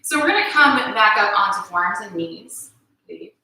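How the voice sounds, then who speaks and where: A woman teaching a yoga flow in a bright, clear voice. She calls out poses calmly and encouragingly, often checking in with the class. The sound rings through a very echoey room. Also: medium pitch, normal speed. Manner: calm, encouraging cues with frequent "right?" check-ins. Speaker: yoga instructor. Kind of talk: guided yoga class instruction.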